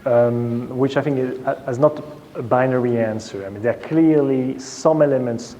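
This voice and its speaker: A man's voice: medium pitch, moderate pace, mellow. A man answering audience questions after a conference keynote, hesitant, with many fillers and restarts. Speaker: keynote speaker. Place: large conference hall. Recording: reverberant hall, faint noise.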